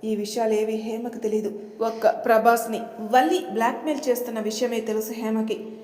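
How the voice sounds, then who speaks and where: A woman narrating a scripted audio story as storyteller, steady and expressive. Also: a little high, normal speed. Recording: echoey room with long reverb.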